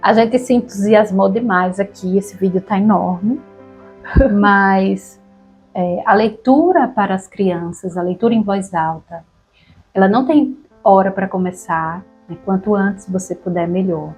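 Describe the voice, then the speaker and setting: Husky Brazilian woman chatting, tag questions. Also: medium pitch, measured pace, darkish tone, soft background music. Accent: Brazilian Portuguese. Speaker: podcast co-host. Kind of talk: casual conversation about reading aloud.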